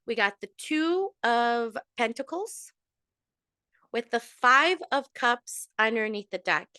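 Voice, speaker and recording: A woman talks her followers through a monthly tarot reading in a loose, chatty way, full of fillers and Spanish terms of endearment. Her voice sits a little high and sounds bright and forward. The recording is dry, with no room sound. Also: expressive, slow, clean tone, dry recording. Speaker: tarot reader.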